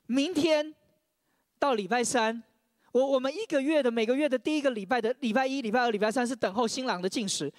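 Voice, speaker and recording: A man's voice: very high-pitched, a little fast, no room sound, studio quality. A man preaching a sermon, sharing his own testimony, often stammering over repeated words and leading the congregation in reading scripture aloud.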